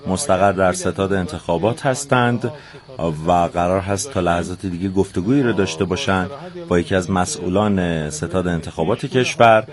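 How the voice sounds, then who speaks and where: A man's voice: sits low, a crowd in the background. A man hosting a live radio news broadcast, speaking in formal, polite on-air phrasing.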